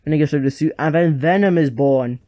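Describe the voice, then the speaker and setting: A man's voice: on the high side, fast talker, heavy background noise. Rambling sarcastic young game reviewer man. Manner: rambling, sarcastic, lots of fillers. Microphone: home microphone.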